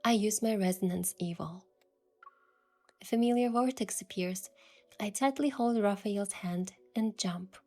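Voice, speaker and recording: Over soft background music, a young woman gently narrates a romantic story in first person as its heroine. Her hushed, soft voice sits at medium pitch and keeps a measured pace.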